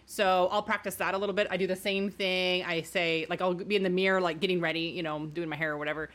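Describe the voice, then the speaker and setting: A woman's voice: lowish voice, steady tone, fast, fairly bright tone. A woman chatting casually about getting into character for tabletop games, friendly and using many fillers. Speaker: tabletop game player. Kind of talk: casual chat.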